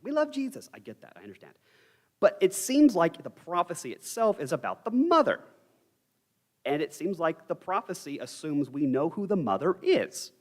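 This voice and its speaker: Lively young man teaching Bible study. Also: mid-range voice. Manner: candid, conversational, with wry asides. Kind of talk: informal Bible study lecture. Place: church.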